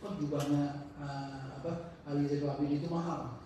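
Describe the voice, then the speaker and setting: Recorded at a distance in an echoey, booming mosque hall over a light hiss, a high-pitched man teaches an informal religious circle. His delivery is halting as he gropes for words, but his storytelling turns lively when he voices the characters.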